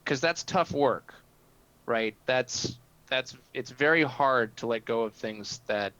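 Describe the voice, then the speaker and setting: Reflective male host, bright forceful tone, muffled lo-fi call sound. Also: medium pitch, takes it slowly, no room sound. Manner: reflective, searching for words. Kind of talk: casual video call chat.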